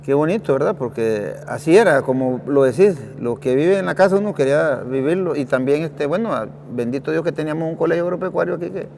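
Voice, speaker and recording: A man's voice: a little high, animated, fast talker, creaky, hardly any pauses, darkish tone, a little hiss or hum. A man with a Guanacaste Costa Rican accent hosting a TV interview, friendly and giving constant short affirmations. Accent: Guanacaste Costa Rican Spanish. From Costa Rica, Guanacaste. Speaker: TV host. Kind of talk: casual interview.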